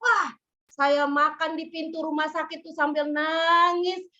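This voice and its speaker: A woman preaching a sermon, telling personal stories in a lively way and acting out quoted voices. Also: sits high, measured pace, muffled recording. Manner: lively storytelling, acts out quotes.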